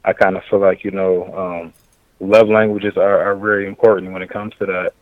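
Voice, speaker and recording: Sex: man. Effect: muffled call line breaking up. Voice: low, halting. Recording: dull, dry, lo-fi. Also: level tone, dry recording. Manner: halting, searching for words. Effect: muffled remote call line, audio breaking up. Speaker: guest calling in remotely. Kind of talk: casual podcast chat.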